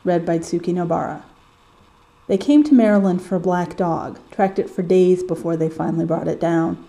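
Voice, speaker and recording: A woman reading a story aloud in calm, measured audiobook narration. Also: fairly low pitch, vocal fry, rough recording. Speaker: story reader. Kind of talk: audiobook narration of fan fiction.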